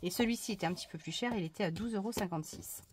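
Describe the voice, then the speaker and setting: A woman talking casually through a crafting haul, chatty and hesitant with many fillers and restarts, often dropping into soft asides. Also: mid-range voice, racing, slight background noise. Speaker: crafting vlogger.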